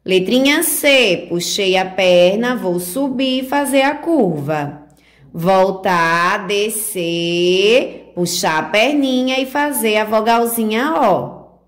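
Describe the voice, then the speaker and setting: A woman from Brazil teaches preschoolers to write their letters, talking them through each stroke. Her delivery is very unhurried and sing-song, full of gentle diminutives, with a medium pitch. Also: lively intonation. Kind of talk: remote handwriting lesson for young children.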